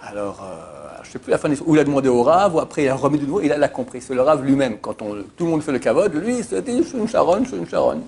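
This Torah teacher speaks in a mid-range voice with a breathy edge, rapid-fire and with hardly any pauses. His informal religious class is full of anecdotes, told as an animated storyteller. He repeats things emphatically and hesitates a lot, often filling gaps with "euh."

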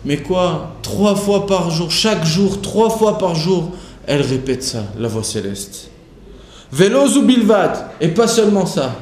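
A man with a fairly high voice leads a Talmud study lesson as a religious teacher. He works through the text phrase by phrase, restarting as he goes, and lifts into a sing-song chant whenever he quotes a passage. The room is echoey, with faint ambience behind him. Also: lively intonation, a little slow, a little mellow, a little hiss or hum. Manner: rises into a sing-song chant when quoting texts.

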